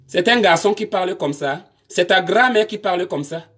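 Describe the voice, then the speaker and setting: A woman's voice: on the low side, moderate pace, fairly bright tone. A woman, scolding her commenters during a live stream with confrontational rhetorical questions.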